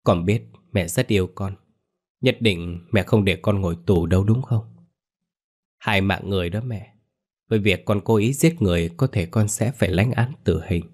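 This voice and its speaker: A man voicing a cold, manipulative young man who coaxes his mother in a soft voice. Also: low voice. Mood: coaxing. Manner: soft-spoken, coaxing.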